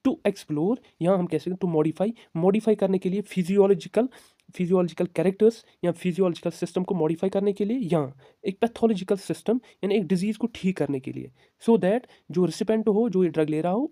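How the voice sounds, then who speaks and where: A man's voice: sits high, mellow, no room sound, clean studio sound. A young man giving a pharmacy lecture, explaining step by step and asking and answering his own questions. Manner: reads definitions slowly, then explains them. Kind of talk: classroom lecture.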